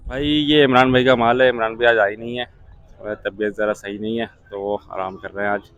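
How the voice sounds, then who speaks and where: A man's voice: fairly low pitch, fairly even intonation, a little fast, fairly bright tone, clean tone, dry recording, dull audio. A man with a Pakistani accent giving casual on-site commentary as a market vlogger, chatting to viewers and questioning traders, often repeating their answers. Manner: addresses viewers as brothers, repeats what traders tell him. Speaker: vlogger and host touring a cattle market. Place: outdoor livestock market on a windy day.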